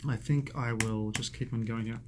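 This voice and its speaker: A man's voice: medium pitch, fairly even intonation, moderate pace, a little hiss or hum. A man teaching a coding lesson over a screen recording, chatty and self-amused, thinking aloud as he types.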